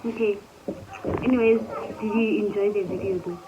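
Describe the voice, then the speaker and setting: A woman's voice: medium pitch, fairly even intonation, moderate pace. A young woman hosting a casual prank vlog, talking playfully and mixing in local words. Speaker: vlogger. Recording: tinny phone-like audio with faint noise.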